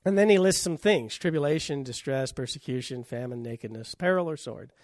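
A man's voice: medium pitch, animated, brisk, darkish tone, no room sound, studio quality. A man preaching a sermon as pastor, emphatic and full of rhetorical questions, his volume rising and falling.

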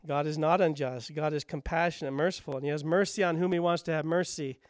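Male pastor, sermon delivery, high smooth voice, emphatic questions, dry close sound. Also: steady tone, fast talker, dry recording. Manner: emphatic rhetorical questions, rising then dropping to quiet.

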